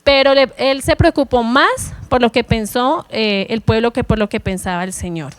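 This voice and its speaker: Earnest woman preacher, high clear voice, close and dry, for a sermon read. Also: moderate pace, no room sound. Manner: earnest, exhorting young listeners with repeated phrases.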